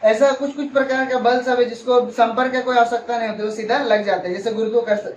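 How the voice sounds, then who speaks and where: A male school science teacher with an extremely high, steady voice teaches quickly in a classroom with a board. He asks his own questions and answers them, and acts out little everyday dialogues. The recording is echoey, distant and dull, with a little hiss or hum.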